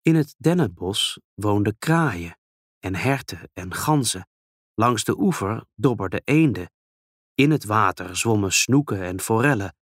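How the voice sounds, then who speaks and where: Slow, calm man reading a story. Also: fairly low pitch, dry recording, clean studio sound. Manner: calm, gentle, unhurried storytelling.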